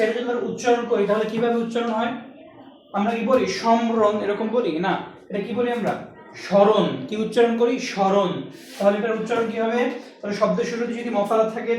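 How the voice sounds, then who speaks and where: A man's voice: sits high, darkish tone. A man teaching a language lesson to students, explaining step by step and asking and answering his own questions. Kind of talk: classroom lesson. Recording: echoey room recorded from a distance.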